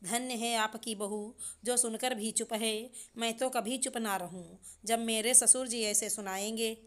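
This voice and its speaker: A woman's voice: on the high side, fairly even intonation, unhurried, close to an everyday voice. A woman voicing an outspoken young neighbour woman who speaks bluntly and indignantly.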